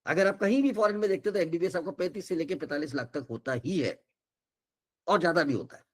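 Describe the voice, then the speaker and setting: A man's voice: on the high side, quick pace. An older man, an education counsellor giving an earnest, reassuring webinar talk that keeps switching between Hindi and English.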